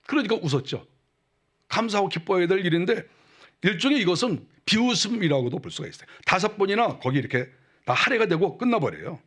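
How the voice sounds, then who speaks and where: A middle-aged male pastor preaching a sermon in a conversational way, dropping into a lower voice to act out mocking quotes. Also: sing-song, fast talker, fairly bright tone.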